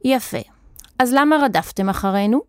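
A raspy bossy old granny put on by a lady reading a kids' story, short clipped orders, dry close sound. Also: on the high side, animated, dry recording, natural voice. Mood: gruff. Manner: terse, gruff commands. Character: old raspy gruff grandmother, curt and commanding. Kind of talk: children's audiobook acting.

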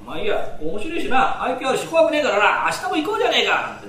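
Rough, excitable Edo townsmen, played by a male storyteller trade slangy banter. The voice jumps up and down with lively swings. It echoes from a distant mic in a hall. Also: extremely high pitch, fast talker, pitched above the performer's own voice, heavily acted. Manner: rough, slangy street talk. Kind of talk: rakugo character dialogue.

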